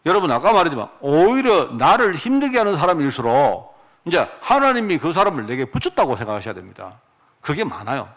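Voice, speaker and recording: A man's voice: a little high, brisk. A middle-aged man from Daegu with a Gyeongsang accent, preaching a sermon with emphatic rhetorical questions. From Daegu, South Korea. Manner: animated, emphatic, asks the congregation rhetorical questions. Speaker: pastor.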